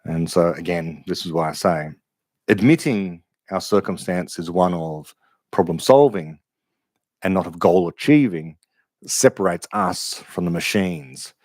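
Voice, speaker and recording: A man's voice: low voice, a little slow, darkish tone, no echo. A man hosting a livestream Q&A, thinking aloud in a reflective, unscripted monologue with frequent restarts. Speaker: livestream host answering questions.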